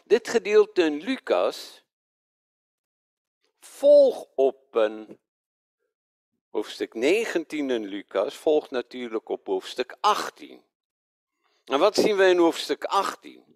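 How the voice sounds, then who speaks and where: A man with a fairly high voice preaches a sermon slowly, leaving long pauses, in a dry recording. He's animated, throwing rhetorical questions at the congregation, and he stumbles over names and corrects himself as he goes.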